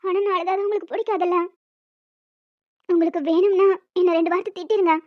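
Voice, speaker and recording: For a Tamil audio romance drama, a woman performs a clingy young village wife, high and girlish with a steady tone, pleading and talking on without a break. The recording is dry and a little dull, with no room sound.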